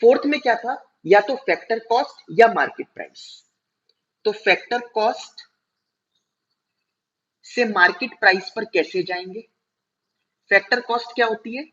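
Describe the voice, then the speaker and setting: A male teacher giving a classroom lecture, explaining step by step, slowing down to spell out terms and checking whether students follow. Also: high voice, a bit bright. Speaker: commerce teacher. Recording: dull lo-fi recording.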